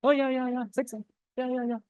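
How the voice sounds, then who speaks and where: A man's voice: very high voice, flat delivery, quick pace, darkish tone, clean tone, dry recording. A man with a Malaysian accent giving an informal technical lecture in punchy, colloquial phrases full of sentence-final particles. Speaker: lecturer presenting to architects.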